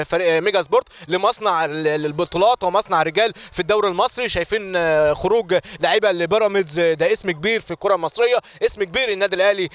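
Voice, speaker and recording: A man's voice: sits high, fairly bright tone. An Egyptian man hosting a sports academy ceremony, interviewing guests with effusive, repetitive praise and frequent restarts. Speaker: event host, interviewer. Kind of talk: live event interview.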